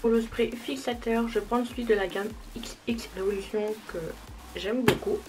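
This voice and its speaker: A woman's voice: fairly high pitch, steady tone, normal speed, music in the background, rough recording. A young woman chatting casually through a makeup tutorial, self-deprecating and talking while she applies products. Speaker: beauty vlogger.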